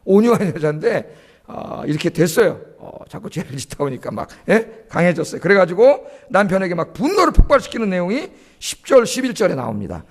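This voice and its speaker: A man's voice: sits high, sing-song, a little fast. A man preaching a Sunday sermon as pastor. He often puts questions to the congregation, answers them himself, and adds a questioning "예?". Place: church sanctuary.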